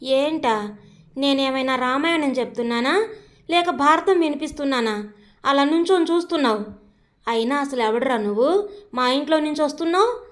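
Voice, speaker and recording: A woman doing a feisty, sharp-tongued young woman. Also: sits high, expressive. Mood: scolding. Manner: quarrelsome, quick retorts.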